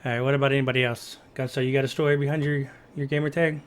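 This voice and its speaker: A man's voice: mid-range voice, level tone, racing, a little hiss or hum. A man hosting a casual gaming podcast, talking to his listeners in a friendly, upbeat way. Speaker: podcast host.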